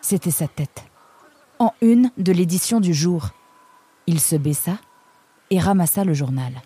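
A woman narrating a children's story in a measured, expressive way. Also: fairly low pitch, slightly rough.

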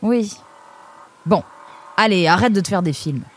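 A woman's voice: mid-range voice, natural voice. A woman voicing a cheeky male friend who teases and cheers up his pal. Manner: cheeky, encouraging, quick. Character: teasing, upbeat male best friend.

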